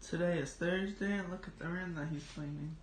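A woman's voice: on the low side, steady tone, brisk. Wry young woman vlogging on a phone. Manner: wry, joking, offhand. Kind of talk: casual home vlog. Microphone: phone held by hand. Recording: phone recording with noise.

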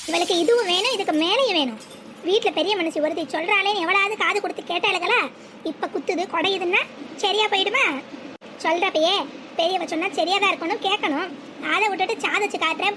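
A spiteful old grandmother, voiced by a woman, sneers and scolds in a cartoon, her voice pitched very high. She talks fast and gloats over her family's troubles. Faint hiss sits under the voice. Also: fairly bright tone. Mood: gloating.

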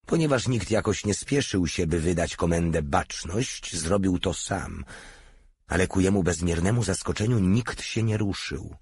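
A man narrating an audiobook in a measured, steady reading. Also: low voice, husky, dry recording. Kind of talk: scripted narration.

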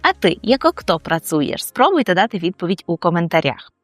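A woman with a Ukrainian accent teaching Polish phrases, slowly repeating each model phrase. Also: fairly low pitch, very animated, over loud music. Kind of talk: explaining Polish phrases with examples.

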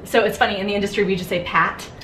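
A woman makeup artist chatting and telling stories while doing someone's makeup, giving gentle directions and laughing often. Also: medium pitch, fairly even intonation, very fast. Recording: echoey room with faint noise.

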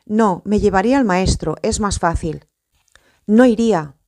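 A woman voicing a bold male apostle who talks in a forceful, scheming way. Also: medium pitch, measured pace, lightly acted. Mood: urgent.

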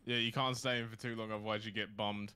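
A man in casual horror game chat, excitable and repeating his callouts to teammates. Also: on the low side, fast, clean tone, no room sound.

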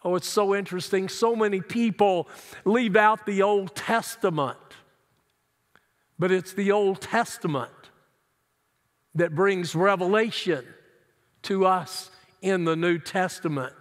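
His voice high-pitched, a middle-aged pastor preaches slowly and pauses often, speaking from his seat in a large sanctuary. The sermon is earnest and emphatic, with wide hand gestures, and the church hall rings with long reverb.

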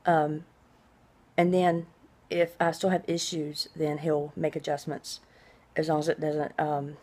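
A middle-aged woman chatting casually in a personal video diary, rambling conversationally, with drawn-out, hissing s sounds. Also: low voice, flat delivery, a little mellow. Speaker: vlogger. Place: small indoor room at home.

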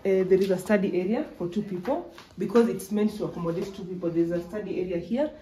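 A young Kenyan woman with a chatty, excitable manner, talking straight to viewers as a travel vlogger. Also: mid-range voice, fast talker. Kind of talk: casual travel vlog narration. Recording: distant mic with loud road and outdoor noise.

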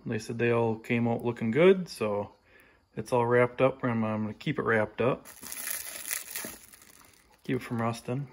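A man giving a relaxed, plain-spoken update while filming his own project in a home garage on a handheld phone. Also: medium pitch, measured pace, long pauses, a little hiss or hum. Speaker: tractor restoration vlogger. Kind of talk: casual workshop update. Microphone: handheld phone camera, filming while talking.

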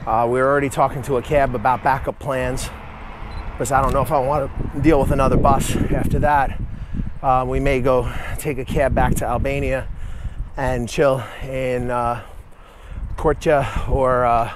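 Guy vlogging on a walk thru an old fort, mid pitch, chatty with lots of ums, faint city noise behind. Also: flat delivery, normal speed. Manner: chatty, thinking aloud with fillers. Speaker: travel vlogger. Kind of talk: casual walking vlog to camera. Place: outdoors at a hilltop fortress in a city.

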